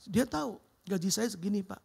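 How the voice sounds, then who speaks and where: A middle-aged man preaching a sermon in a church and telling his own testimony in a lively storytelling way, often calling the audience "Bro". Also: high-pitched, brisk, creaky, husky. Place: church sanctuary.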